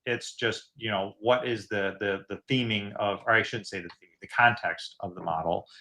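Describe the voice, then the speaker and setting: A man's voice: lowish voice, fairly even intonation, normal speed, bright, forceful tone. A man hosting an online session and giving encouraging feedback to fan designers in a casual chat, often restarting his phrases.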